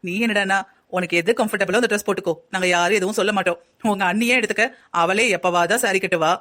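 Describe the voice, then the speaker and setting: A woman voicing a gentle, easygoing middle-aged mother-in-law in a cartoon family story. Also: medium pitch, fairly even intonation, quick pace, lightly acted. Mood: reassuring. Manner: gentle, reassuring.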